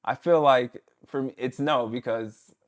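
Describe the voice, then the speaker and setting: A man in his thirties, a former pro football player, telling stories in a casual interview and sometimes mimicking his coach's shouts. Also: medium pitch, fairly even intonation, measured pace.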